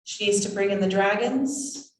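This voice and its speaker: A woman acting as a seance medium in trance, voicing a cryptic, whimsical spirit guide in halting, measured phrases. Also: medium pitch, a little hiss or hum, lightly acted. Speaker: channeling medium. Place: indoors, draped room. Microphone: distant camera microphone. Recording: roomy echo, distant microphone.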